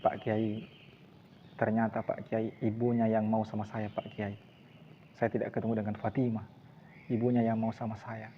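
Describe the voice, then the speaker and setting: A man's voice: on the low side, flat delivery, normal speed, pauses often, close to an everyday voice. A man voicing an earnest young suitor who talks politely and keeps repeating his forms of address, on a dull lo-fi recording with faint hiss.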